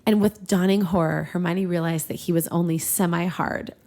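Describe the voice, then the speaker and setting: A woman hosts a podcast where she reads fan fiction aloud in a storybook style, then breaks into giggly, irreverent banter. Her voice is on the low side and a little mellow, with a steady tone and moderate pace.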